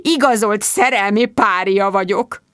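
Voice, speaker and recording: A woman's voice: medium pitch, fairly bright tone, clear, resonant tone, no echo, close to an everyday voice. A woman voicing a heartbroken young man who wails theatrically and pities himself, in a dry, close reading. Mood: despairing. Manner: theatrical wailing, self-pitying.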